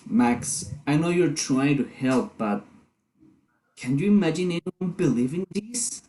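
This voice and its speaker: In a readers theater piece, a man plays a guarded husband who doubts and questions a plan to save his wife, sounding skeptical and resistant. His voice sits fairly high, animated and warm, and he takes his time.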